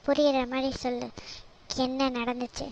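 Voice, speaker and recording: Cartoon villainess, scheming young woman, high voice, sneering, dull lo-fi sound. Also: level tone, heavy background noise. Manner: sneering, taunting, slow and deliberate. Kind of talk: cartoon drama voice acting. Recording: dull lo-fi recording.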